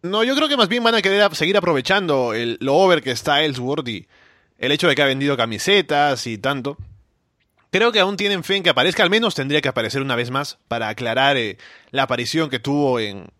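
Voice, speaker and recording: A man with a bright, forceful voice talks casually as a podcast panelist. He gets animated and thinks aloud, with plenty of fillers. The sound is close and dry. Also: medium pitch, dry recording. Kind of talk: casual wrestling podcast chat.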